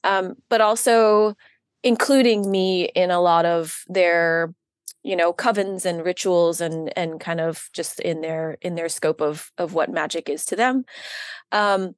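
A woman's voice: on the low side, fairly even intonation, measured pace, smooth, dry recording, studio quality. A woman from the United States, a guest on a podcast, talking casually with many fillers and earnest rambling. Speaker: guest, witchcraft practitioner. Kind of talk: casual interview chat.

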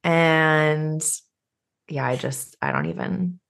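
Upbeat woman podcast co-host, slightly low voice. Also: very animated, slow, gravelly, a bit bright. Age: 30s. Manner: friendly, laughing often, upbeat. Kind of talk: casual chat.

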